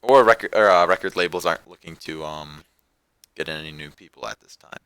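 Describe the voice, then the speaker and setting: A man's voice: deep voice, a little fast, a bit bright, clean tone, no echo. A man hosting a casual podcast, rambling loosely through his thoughts and turning upbeat when he plugs the show. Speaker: podcast host. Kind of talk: casual chat.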